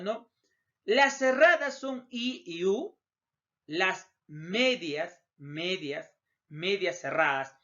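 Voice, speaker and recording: A man's voice: sits high, bright, forceful tone. A man teaching a recorded lesson over slides, emphatic, repeating key terms and letting his phrases drop off at the end. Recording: dull lo-fi recording.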